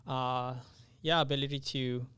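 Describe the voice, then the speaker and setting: Speaking at a measured pace with a steady, medium-pitched voice that's a bit bright and clean, a young man gives casual interview answers. He is a Honduran-born native Spanish speaker, in the US since nine, and appears on a podcast as an engineering student. He often hunts for the right word.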